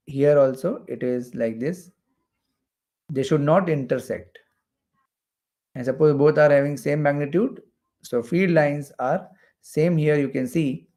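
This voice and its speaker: Speaking in a mellow, slightly high voice, this male physics teacher from India gives an explanatory lecture for exam preparation. He draws diagrams as he explains and keeps repeating phrases for emphasis.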